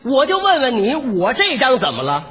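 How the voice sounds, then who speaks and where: A man performs a crosstalk comedy routine in a very high, bright voice that swoops up and down as he mimics card players. It comes from a dull old recording with faint hiss. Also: huge pitch swings, moderate pace, breathy edge.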